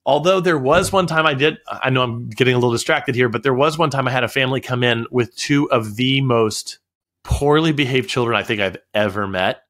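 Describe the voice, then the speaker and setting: A man on a podcast telling relaxed stories about teaching in his music studio, often wandering off topic and laughing. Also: mid-range voice, fairly quick. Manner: storytelling, digresses and laughs. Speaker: guest, music studio owner. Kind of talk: casual podcast conversation.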